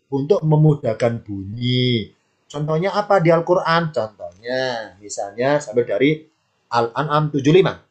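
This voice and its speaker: Guru pria yang menjelaskan dengan sabar. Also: male voice, medium pitch, a little mellow. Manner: explains patiently, repeats words and asks himself questions. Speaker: Arabic grammar teacher. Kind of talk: online Quran grammar lesson.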